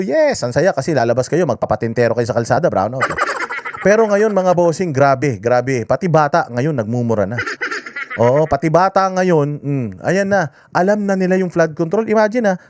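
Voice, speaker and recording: A man's voice: fairly high pitch, background noise. A man talking casually to his viewers, mixing jokes and mock outrage with mild curses in his political commentary.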